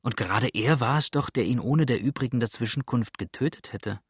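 A man's voice: mid-range voice, a little fast, husky, no room sound, studio quality, lightly acted. A male audiobook reader voicing an earnest, urgent young farmer. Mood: brooding.

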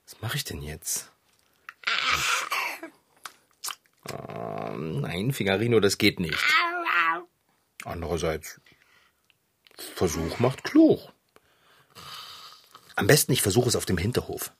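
A man playing a good-natured bicycle mechanic in an audio drama. He sounds warm-hearted and a little naive. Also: deep voice, very animated, takes it slowly, creaky, pauses often, husky, heavily acted. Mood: hushed.

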